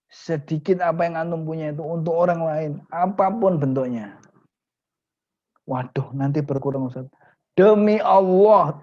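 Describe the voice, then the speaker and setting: Man preaching a lively story sermon. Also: fairly high pitch, lo-fi sound. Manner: acts out voices of the people in his stories.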